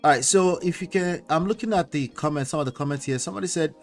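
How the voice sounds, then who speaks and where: A Nigerian-accented relationship coach with a voice on the high side talks fast while casually commenting on viewer comments. He speaks emphatically, often closing his points with tag questions like "okay?" and "you know," over soft background music.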